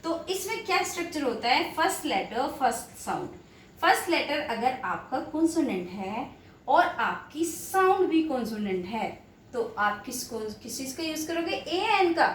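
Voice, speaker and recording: Woman teacher, high voice, patient drilling, faint noise in an echoey room. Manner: asks and answers her own questions, repeats key points. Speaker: English teacher. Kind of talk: classroom grammar lesson.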